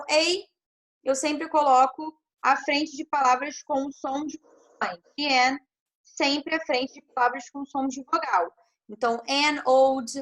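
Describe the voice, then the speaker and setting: A woman with a high voice teaches an online class through her computer mic. She explains step by step and keeps asking her students if they are following. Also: fairly bright tone. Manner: explains step by step, checks in with frequent tag questions. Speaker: English teacher.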